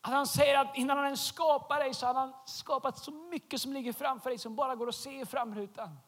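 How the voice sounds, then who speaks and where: A man preaching a humorous sermon in a church, telling a story with lively shouted punchlines. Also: extremely high pitch. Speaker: pastor. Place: large church hall.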